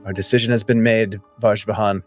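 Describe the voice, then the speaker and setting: A man's voice: lowish voice, flat delivery, a little fast, soft background music. A man playing in a tabletop fantasy game, improvising thoughtful lines for his character. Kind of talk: improvised in-character role-play.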